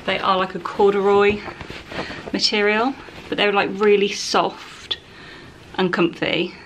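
A woman's voice: medium pitch, measured pace. A young woman chatting casually through a clothing try-on haul at home, rambling with lots of "like" and "um". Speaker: fashion vlogger. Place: home, indoors. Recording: distant camera mic with steady background noise.

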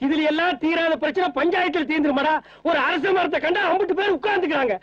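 A man's voice: very high-pitched, fast talker, fairly bright tone, no echo. An actor playing a sarcastic village man who scolds and mocks the people around him, on a dull old film soundtrack. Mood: mocking. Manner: mocking, scolding rants. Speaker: comic lead in a village comedy film.

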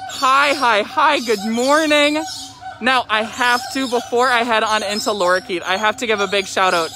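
A woman hosting a live zoo show in an excited, chatty way, her voice slightly muffled through a face mask. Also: on the high side, moderate pace. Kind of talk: upbeat live-stream presenting. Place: outdoor zoo by a lorikeet aviary. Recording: very noisy aviary, loud bird and animal calls. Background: loud bird calls and chirping.

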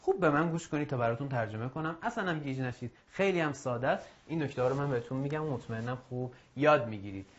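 A male English teacher giving a video lesson to schoolchildren, drilling phrases slowly and encouraging the class. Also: mid-range voice. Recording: dull lo-fi audio.

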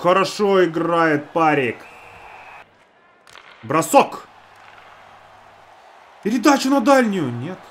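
Slightly high-voiced man doing casual game commentary. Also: a little hiss or hum. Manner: talks to teammates and himself. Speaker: gamer narrating own hockey video game.

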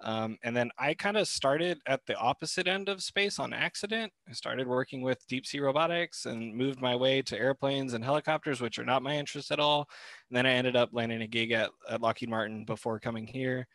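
A man's voice: mid-range voice, a little fast, no room sound. Young man, graduate student, easygoing video-call intro, dry close sound. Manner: relaxed, with fillers and restarts. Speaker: graduate liaison. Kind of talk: casual club meeting introduction.

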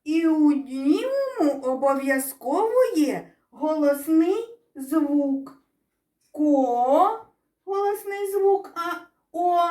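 A kindergarten teacher speaks to small children in a high, sing-song voice that climbs and dips a great deal. She draws every word out very slowly. The sound is echoey and a little distant from the mic. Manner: drawn-out, sing-song explaining, asking the children questions. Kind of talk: slow, clear teaching to young children.

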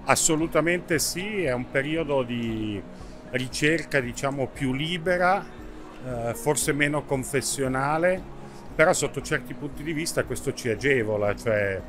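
Middle-aged male publisher, measured and reflective, music in the background. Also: medium pitch. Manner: thoughtful, with pauses and fillers. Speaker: publisher at a book fair stand. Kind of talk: interview answers. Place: indoor exhibition hall.

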